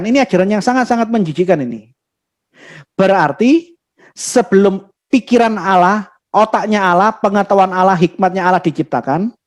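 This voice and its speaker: Brief: young woman, heated teaching talk, blunt and scornful, slips into storytelling. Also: fairly low pitch. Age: young adult. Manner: storytelling, with soft acted-out quotes. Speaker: speaker at a theology webinar.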